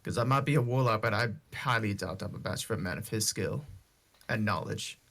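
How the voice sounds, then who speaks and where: A man's voice: lowish voice, brisk, a bit bright. A man playing a tabletop role-playing game, speaking in casual chat that slips in and out of character.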